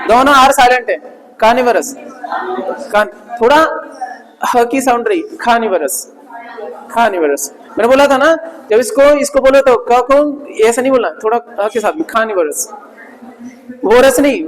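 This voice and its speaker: A man's voice: extremely high pitch, in a large hall, rough recording. A man teaching English vocabulary in Hindi, drilling pronunciation, asking students to repeat, and adding playful jokes and frequent tag questions. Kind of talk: classroom vocabulary lesson.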